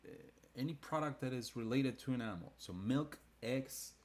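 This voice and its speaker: A man's voice: mid-range voice, expressive, normal speed, a little mellow. A man who hosts design videos, chatting casually and rambling a little while he draws a comic on a live stream. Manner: chatty and rambling, with frequent restarts. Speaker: illustrator and design video host.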